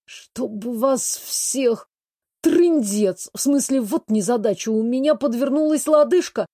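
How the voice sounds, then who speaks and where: A woman's voice: on the high side, measured pace, mellow, no echo, studio quality. A woman voicing a coarse, blunt young woman trapped in a princess's body, who swears and grumbles. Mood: grumbling.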